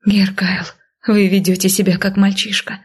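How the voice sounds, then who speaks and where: Audiobook: proud young noblewoman, read by a woman, tense breathy whispers, gravelly edge. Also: mid-range voice, normal speed.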